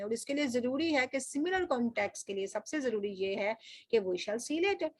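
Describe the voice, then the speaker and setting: A woman's voice: sits high, dry recording, clean studio sound. A woman teaching linguistics in a recorded lecture, explaining step by step, asking rhetorical questions and telling students what to underline.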